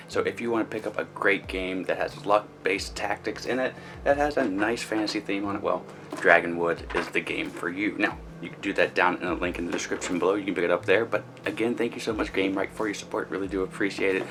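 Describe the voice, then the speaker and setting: A man hosting his own channel, giving a chatty, rambling board game review and walking through the rules step by step. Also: low voice. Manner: loose, rambling, with fillers and restarts. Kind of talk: casual video review.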